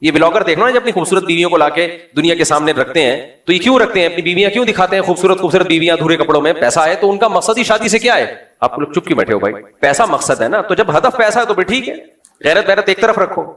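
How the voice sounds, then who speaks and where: A man's voice: high voice, lively intonation, fairly bright tone, roomy sound, recorded from a distance. A man preaching to a live audience in a conversational, lightly joking way, full of rhetorical questions. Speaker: Islamic preacher. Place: lecture hall with an audience.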